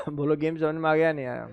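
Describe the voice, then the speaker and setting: A man teaching chemistry exam prep to students, who calls them beta and bhai, counts positions out loud in a drilling rhythm and answers his own questions. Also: fairly high pitch, creaky.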